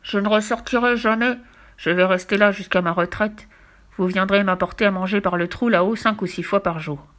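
A woman's voice: mid-range voice, fairly even intonation, normal speed, a bit bright, close to an everyday voice. A woman voicing Fifi, a bold and mischievous young girl in a storybook reading. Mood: playful. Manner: cheeky, boastful, mischievous. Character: bold playful girl adventurer.

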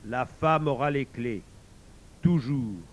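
A man reading a tale aloud, voicing an old, fatherly God who speaks in a calm, measured way. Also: mid-range voice, close to an everyday voice.

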